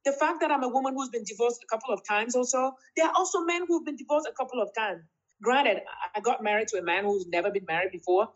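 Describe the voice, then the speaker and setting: Woman, 50s, interview guest. Emphatic, laughing delivery; slightly dull recording. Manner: emphatic and laughing, swoops up in pitch. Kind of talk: casual interview chat.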